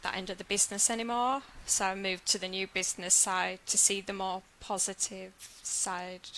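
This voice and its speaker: Yorkshire woman with a bright, gravelly voice. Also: mid-range voice, flat delivery, normal speed, a little hiss or hum, low-quality recording. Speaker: guest, business development manager at a lender. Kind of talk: podcast interview answers.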